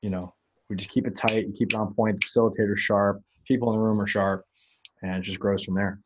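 Man with a lowish voice, casually telling his story. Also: fast, background noise. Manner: relaxed, animated, loose with fillers and an occasional curse. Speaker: podcast guest.

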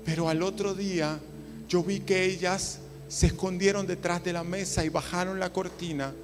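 A man preaching a sermon, moving from hushed storytelling to loud impassioned preaching. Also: high voice, fairly even intonation, moderate pace, noisy background. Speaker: pastor.

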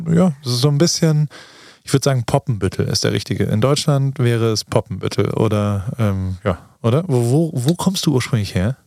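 This forties-aged podcast co-host jokes and rambles playfully in relaxed conversation, recorded on a studio podcast mic in a restaurant's podcast studio. His medium-pitched voice is creaky and a little mellow, with no echo.

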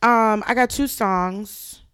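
A woman co-hosting a relaxed chat show with a friend. Her voice sits at a middle pitch, and she talks in a casual way with dry, wry remarks. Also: takes it slowly, clear, resonant tone. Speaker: podcast co-host.

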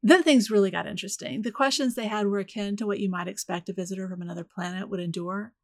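A woman from the rural American South with a soft voice and a Southern accent, hosting a solo podcast in a direct, dryly wry monologue. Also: medium pitch, fairly even intonation, quick pace, no room sound, clean studio sound. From rural northern Florida, US. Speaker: podcast host.

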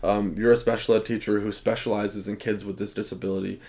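A young man co-hosting a casual sports podcast, talking in a relaxed, rambling way and laughing often. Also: fairly low pitch, fast. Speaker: podcast co-host.

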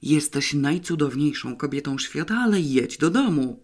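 A sweet-talking male photographer from a storybook reading, his voice lifted and tender, as a man puts him on. He coaxes and flatters without pause. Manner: tender, wheedling, raised pitch. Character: smooth-talking male press photographer, coaxing. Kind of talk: audiobook reading.

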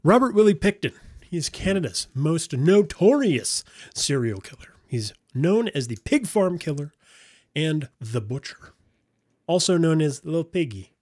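A man's voice: on the high side, very animated, measured pace, a little mellow, no room sound, studio quality. A man hosting a casual true-crime podcast, joking, swearing and laughing often as he tells the story. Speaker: podcast host.

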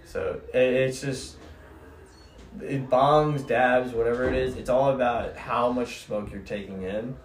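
A man's voice: medium pitch, steady tone, unhurried, far from the mic. A young man chatting casually like a frat bro, full of slang and swearing. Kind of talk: casual chat. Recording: echoey room, off mic.

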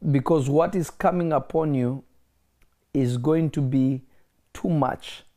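A man's voice: a little high, slow pace, mellow. A man delivering a prophetic word to a caller, declaring blessings and often asking if he is listening. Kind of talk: prophetic ministry over a phone call.

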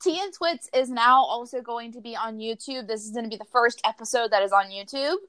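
A young woman co-hosting a casual podcast, telling stories in an animated way and acting out the voices of the people in them. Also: on the high side, brisk. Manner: animated storyteller, acts out quoted voices. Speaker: podcast co-host.

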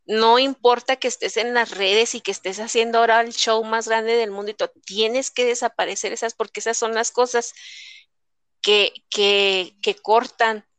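Lady, bright clear voice, telling her own story all animated n casual. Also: fairly high pitch, normal speed, no room sound. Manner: animated storytelling with colloquial slang and sound words. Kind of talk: casual personal testimony in conversation.

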